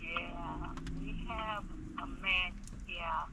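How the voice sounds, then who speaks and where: Male clerk, over the phone, higher voice, hesitant, informal, clear background noise on the line. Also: steady tone, extremely slow, bright, forceful tone. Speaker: court clerk. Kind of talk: helpful but unsure phone conversation. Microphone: telephone. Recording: noisy telephone line.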